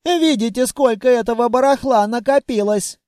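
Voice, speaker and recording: A man voicing a timid, polite female dragon who apologizes and chatters in a high, fussy voice. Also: normal speed, darkish tone, no echo, studio quality. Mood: chatty.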